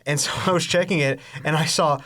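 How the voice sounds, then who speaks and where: A man's voice: on the high side, sharp tone, no echo, clean studio sound. Joking twenty-year-old male podcast host. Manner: joking, quick-witted. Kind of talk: casual podcast chat.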